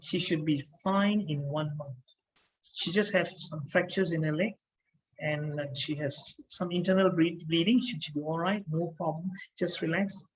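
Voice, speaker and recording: A man voicing a calm, reassuring hospital staff member. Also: a little high, normal speed, a little hiss or hum, close to an everyday voice, poor audio.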